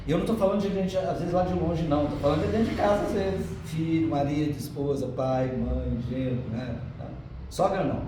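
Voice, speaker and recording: A man's voice: a little high, fairly quick. Man lecturing in an echoey hall. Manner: chatty, playful, moves between earnest and joking. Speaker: lecturer at a spiritist center. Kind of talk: spiritist lecture with joking asides. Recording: echoey hall from far off, faint background noise.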